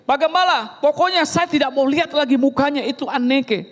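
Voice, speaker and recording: A man's voice: extremely high pitch, expressive, very fast, in a large hall, voice pushed up. A man acting out a furious, bitter middle-aged husband who rants and hurls accusations. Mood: angry. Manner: ranting, shouting accusations.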